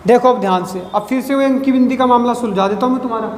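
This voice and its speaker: A man with a very high voice teaches a grammar lesson, stretching each syllable and firing questions at his students. The room rings with a long, hollow reverb, and a faint hiss sits under his voice. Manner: drawn-out, repeats syllables, quizzes listeners.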